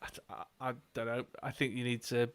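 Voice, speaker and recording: A man's voice: medium pitch, little pitch movement, a little fast, a bit bright, clean tone. A man co-hosting a casual dice game stream, talking his team through with lots of fillers and reading out card text. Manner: chatty, many fillers, reads out card text. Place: indoors at a gaming table.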